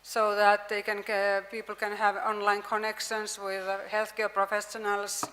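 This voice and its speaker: Woman pitching in a reverberant hall. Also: monotone, moderate pace, a bit bright. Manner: earnest, hesitant with fillers. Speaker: university representative presenting a project. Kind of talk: conference pitch and answers. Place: conference hall with audience.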